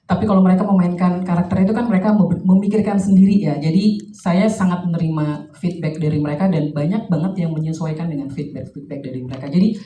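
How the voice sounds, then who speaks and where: A woman film director speaks at a press conference with a slightly low, warm voice. She is heard from a distance in a roomy hall. She searches for words, restarts often, and speaks thoughtfully. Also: fast. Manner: thoughtful, many fillers and restarts. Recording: roomy hall, distant mic, faint noise.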